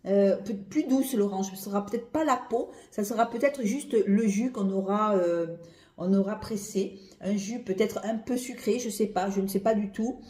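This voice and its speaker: A woman talks in an echoey room with a mellow, rounded voice at a middling pitch. She chats informally as a reviewer, thinking out loud. Her phrases often repeat or trail into a new start. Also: moderate pace. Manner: informal, conversational, often repeats herself and breaks off mid-phrase. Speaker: perfume reviewer. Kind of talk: casual rambling chat review, thinking aloud. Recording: roomy, echoey sound.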